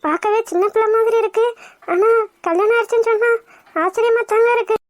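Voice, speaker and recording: A woman's voice: extremely high pitch, quick pace, no room sound, clean studio sound. A woman voicing a fretful cartoon housewife. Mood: worried, caring. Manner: fussing, worried, motherly. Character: caring middle-aged village housewife, anxious. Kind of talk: cartoon voice acting.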